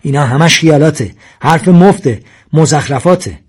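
A man voicing a scornful grown man who speaks loudly and dismissively, with a husky tone. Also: on the high side, animated, pitched above the performer's own voice. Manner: loud, dismissive.

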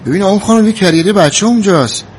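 An actor with an Iranian accent playing a cautious, fussy but good-hearted husband in a TV drama. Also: male voice, high-pitched, close to an everyday voice. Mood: surprised. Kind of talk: Persian television drama acting. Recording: noisy drama soundtrack.

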